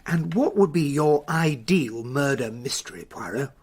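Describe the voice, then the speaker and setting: A hearty English gentleman captain in a radio play, fairly high and husky, with very lively intonation. He is the loyal, plain-thinking sidekick, speaking with an English accent. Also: unhurried. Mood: curious, teasing. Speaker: narrator and sidekick. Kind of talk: radio drama acting.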